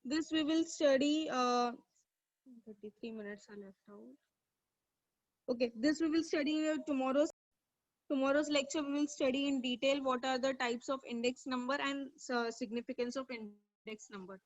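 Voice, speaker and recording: On a dull, dry lo-fi mic, a woman leads an online economics lesson, quizzing students and praising each by name from the chat. She speaks at a normal speed in a high, steady voice.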